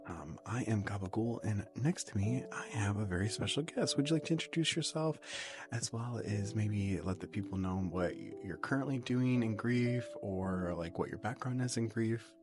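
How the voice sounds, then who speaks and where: A man hosting a podcast in a soft, hushed library voice, talking casually and reflectively. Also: fairly low pitch, lively intonation, moderate pace, over music. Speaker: podcast host.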